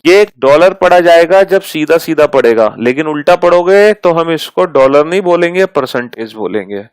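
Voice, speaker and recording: A man's voice: a little high, expressive, clear, resonant tone, no room sound, poor audio. A male teacher giving a math lesson, patiently repeating each step and affectionately addressing his students. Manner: reads out terms slowly and deliberately.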